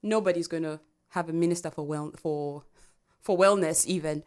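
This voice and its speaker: Woman, podcast co-host, casual chat, animated, frequent laughter, lowish pitch. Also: normal speed, clean tone. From Africa. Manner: animated, laughs often, trails off and restarts.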